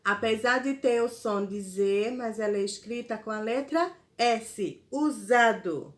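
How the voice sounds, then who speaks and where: A woman teacher, giving a spelling lesson to children slowly and patiently, spelling out syllables. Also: a little high. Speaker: primary school teacher.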